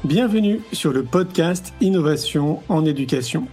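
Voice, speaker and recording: A man hosting a podcast, reading a measured, scripted introduction over soft music. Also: fairly high pitch, animated, breathy edge. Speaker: podcast host.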